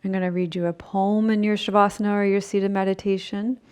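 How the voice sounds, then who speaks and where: A woman's voice: mid-range voice, level tone, darkish tone, clear, resonant tone. A woman yoga teacher leading a breathing exercise in short, spaced phrases, with audible breaths and sighs. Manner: slow, pausing delivery in short phrases. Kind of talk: guided breathing and yoga instruction.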